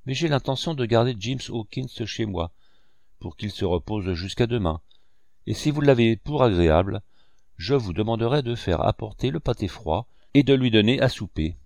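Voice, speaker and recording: A man voicing a calm, shrewd gentleman doctor in a storybook reading, measured and questioning. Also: lowish voice, gravelly, no room sound, clean studio sound.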